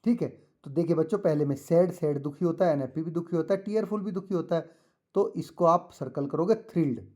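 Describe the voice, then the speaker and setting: Male tutor for kids, slow careful reading, patient explainer, warm mellow tone, slightly higher-pitched voice. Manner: mixes English and Hindi, reads English slowly then explains; patient, repetitive, addresses children directly. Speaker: teacher. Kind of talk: explaining a school textbook lesson to children.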